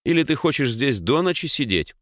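A man's voice: mid-range voice, sing-song, a little fast, fairly bright tone, dry recording, studio quality, voice pushed up. A man reading a storybook and voicing a curt, stubborn boy who bosses his little sister around. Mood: bossy. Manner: grumbling, curt.

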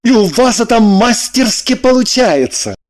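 A man's voice: very high-pitched, sing-song, measured pace, darkish tone. A man voicing a dry, sardonic man in an audiobook, matter-of-fact and mocking.

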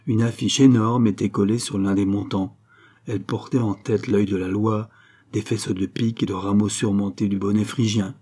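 A man narrating a historical novel in an audiobook reading, in a measured, dramatic way. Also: lowish voice, little pitch movement, warm tone, breathy edge.

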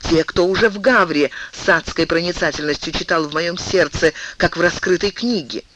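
A man's voice: on the high side, normal speed, background noise, voice pushed up, close to an everyday voice. A man reading an audiobook, voicing a young, ardent English duke who pleads earnestly and with emotion. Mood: impassioned.

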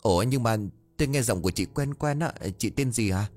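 A man's voice: medium pitch, lively intonation, brisk, a little mellow, faint music behind, pitched above the performer's own voice, close to an everyday voice. A man voicing a polite, tipsy, helpful young worker in an audio ghost story, hesitant and questioning. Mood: puzzled, helpful.

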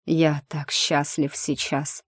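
A woman voicing a wounded male dragon-shifter who speaks softly, slowly and tenderly. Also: deep voice, level tone, breathy edge, dry recording, studio quality, heavily acted. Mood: joyful.

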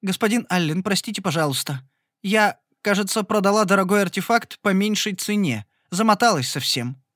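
A woman's voice: mid-range voice, lively intonation, normal speed, a bit bright, no echo, clean studio sound, voice pushed up. A man voicing a clumsy, anxious young shop girl who pleads and sobs in an audiobook. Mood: flustered. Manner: pleading, breathless.

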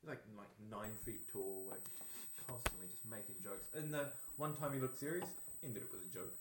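A man's voice: medium pitch, animated, fairly quick, reverberant, background noise. A man co-hosting a radio show in casual chat, telling stories loosely with lots of fillers. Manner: chatty, filler-heavy storytelling.

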